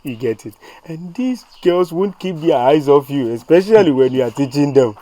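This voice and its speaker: A man's voice: fairly high pitch, expressive, moderate pace, no room sound, lightly acted, poor audio. A man playing a boastful, womanizing teacher in a youth drama, swaggering and laughing. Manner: laughing, swaggering, loud exclamations. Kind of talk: low-budget youth drama acting.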